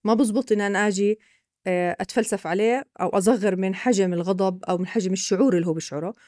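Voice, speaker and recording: Levantine lady breaking it down for the host, talks super quick, dry close sound. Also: medium pitch, dark tone, no room sound. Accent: Levantine Arabic. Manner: patient, explaining with examples. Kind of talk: explanatory podcast talk.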